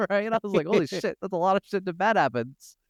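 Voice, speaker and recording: This podcast co-host has a high-sitting, expressive voice and a brisk delivery. He chats casually about games, swearing offhandedly now and then, and there's no echo on the recording.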